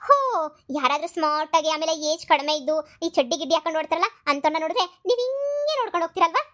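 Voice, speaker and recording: A woman's voice: extremely high pitch, racing, pushed and bright. A woman voicing a jealous, nagging young wife who accuses and needles in a cartoon comedy. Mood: accusing. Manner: accusing, needling, repeats herself.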